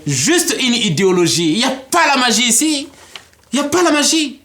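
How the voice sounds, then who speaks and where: A man, a guest in an interview, explaining a political model in an animated way and often laughing. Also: very high voice, fairly quick. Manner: animated, acts out imagined dialogues, laughs often.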